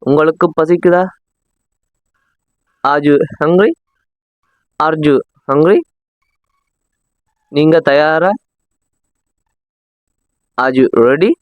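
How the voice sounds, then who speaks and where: A man with a Tamil accent teaching simple English sentences, saying each one slowly twice so learners can repeat. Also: a little high, clear, resonant tone, no room sound. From South India. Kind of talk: slow, deliberate English lesson with repetition. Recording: dull lo-fi sound.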